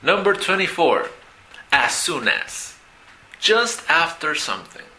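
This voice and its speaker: A man's voice: on the high side, sing-song, slow pace, bright, forceful tone. A man teaching English phrases in an upbeat audio lesson, carefully repeating each phrase.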